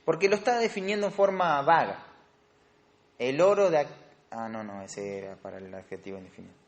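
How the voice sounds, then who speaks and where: A man's voice: a little high, animated, brisk. A man with a Rioplatense Spanish accent teaching a Bible study class on grammar, explaining step by step and quizzing his students. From Argentina. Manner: explanatory, asks the class questions.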